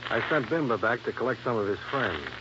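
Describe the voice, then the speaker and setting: Playing a wry, tough insurance investigator in a 1950s American radio detective show, a man speaks fast in a mid-range, expressive voice with light acting. He comes across as dry, confident, resolute and matter-of-fact. The audio is dull, noisy and band-limited, like an old radio recording.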